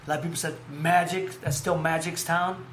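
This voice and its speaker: A man with a slightly high voice talks boxing and sports in a loose, rambling way, stacking up fillers and restarts as he goes. His voice rings in an echoey room, with a faint hum of ambience behind him. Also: a little fast. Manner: rambling, animated storytelling with many fillers. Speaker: podcast host. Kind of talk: casual sports chat.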